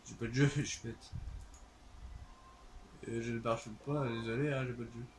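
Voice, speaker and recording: A man's voice: mid-range voice, level tone, moderate pace, a little hiss or hum. A man with a Québécois French accent, thinking aloud hesitantly with lots of fillers while commenting on a game he is playing. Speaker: gaming channel host. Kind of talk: let's play commentary.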